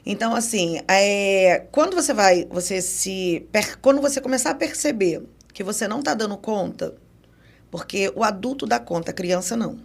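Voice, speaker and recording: A woman in her forties from Brazil, a podcast guest telling her story in a casual, animated interview. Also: medium pitch, moderate pace, gravelly. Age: 40s. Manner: animated, acts out remembered dialogue. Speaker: podcast guest, psychoanalysis educator.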